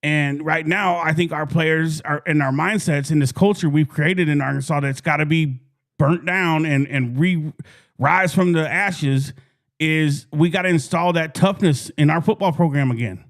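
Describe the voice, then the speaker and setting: A man's voice: fairly high pitch, moderate pace. Folksy man hosting a sports show. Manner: folksy, clears throat often, repeats words when starting. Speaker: podcast host. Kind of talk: casual sports talk show.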